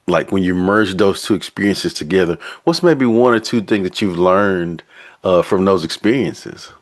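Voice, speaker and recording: A man with a deep, low voice hosts a relaxed interview. He talks loosely and rambles a bit, leaning on filler words as he leads into his questions. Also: normal speed. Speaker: podcast host. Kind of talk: casual interview chat.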